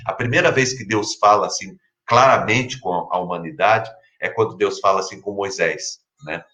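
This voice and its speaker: This is a Brazilian man delivering a sermon, his low voice carrying a bright, forceful edge. He repeats key phrases for emphasis and lifts his pitch when quoting scripture. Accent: Brazilian Portuguese. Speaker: pastor.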